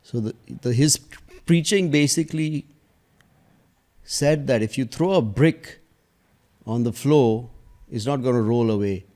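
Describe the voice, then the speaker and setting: A man, a podcast guest telling personal stories in a hesitant, reflective way that trails off into soft asides. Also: medium pitch, measured pace, pauses often. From India.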